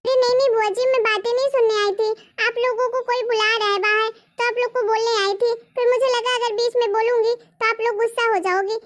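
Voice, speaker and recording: A woman's voice: very high voice, fairly even intonation, fairly quick, hardly any pauses. Woman playing an earnest young daughter-in-law. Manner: earnest, pleading. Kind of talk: homemade family drama.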